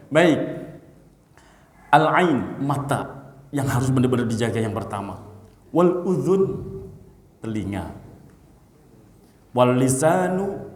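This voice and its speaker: A man's voice: medium pitch, a little mellow. A man gives a sermon. He reads Arabic text, explains it, and turns to his listeners teasing asides. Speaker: preacher. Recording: echoey hall with long reverb.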